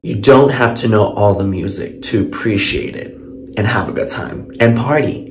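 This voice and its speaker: A man's voice: lowish voice, moderate pace, a little hiss or hum. A tired man chatting casually in a vlog wrap-up, rambling and restarting his sentences. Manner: chatty, complaining, stumbles and restarts. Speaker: vlogger.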